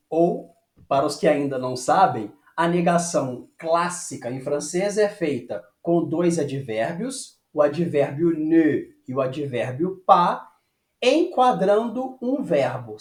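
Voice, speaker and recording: Animated man teaching French. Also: on the high side. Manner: patient, repeats "ok?" often, slows down to model French phrases. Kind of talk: online language lesson. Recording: echoey room.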